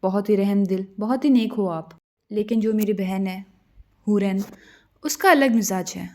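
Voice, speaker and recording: A calm, loyal male fairy from a storybook, speaking gently and with respect, as a woman narrator voices him. His manner is soothing and measured. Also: medium pitch, lightly acted. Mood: gentle, respectful.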